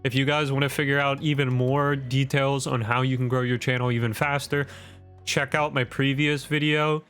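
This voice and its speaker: A man's voice: medium pitch, level tone, normal speed, fairly bright tone. A man hosting a YouTube tutorial with wired, over-caffeinated enthusiasm, speaking emphatically in punchy phrases and rhetorical questions. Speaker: YouTube content creator and host. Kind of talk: direct-to-camera tutorial, scripted vlog. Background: background music.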